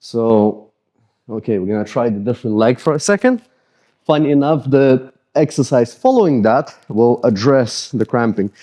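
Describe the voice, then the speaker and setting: Speaking at medium pitch and a moderate pace, an Eastern European-accented man works as a fitness coach leading a casual follow-along mobility routine. He's just finished a workout, still sweaty, and jokes about his own tight muscles. The delivery is relaxed and self-deprecating.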